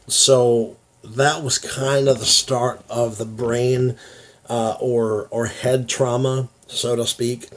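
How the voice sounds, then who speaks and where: American guy vlogging, slow halting speech, dysphonia, works hard to get words out, confiding and casual. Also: medium pitch, slightly rough. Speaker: YouTube vlogger. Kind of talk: confiding casual talk to viewers.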